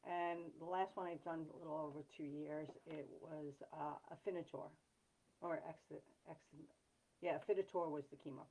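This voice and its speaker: A woman in her fifties from New York telling her own story in a candid, chatty way, often pausing with fillers and restarting sentences. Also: low-pitched, fairly even intonation, mellow, slight background noise, poor audio. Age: 50s. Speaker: patient sharing her story. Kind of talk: casual personal storytelling.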